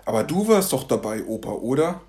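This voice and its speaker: A man voicing an eager, excited ten-year-old boy, talking a bit higher and louder than his own narration. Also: fairly quick, close to an everyday voice. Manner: excited, pleading.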